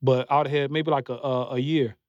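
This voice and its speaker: In a laid-back podcast chat, a man in his forties speaks briskly in a steady, mid-range voice, giving sincere advice amid frequent fillers and restarts. The dry recording has no room sound and a dull, slightly muffled character.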